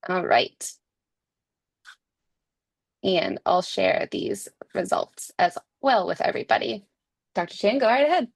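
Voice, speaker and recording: Woman webinar host, mid-pitched voice, upbeat and welcoming, dry close sound. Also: animated, unhurried, gravelly, pauses often, no echo. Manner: upbeat, welcoming, scripted introductions. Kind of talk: hosting a webinar.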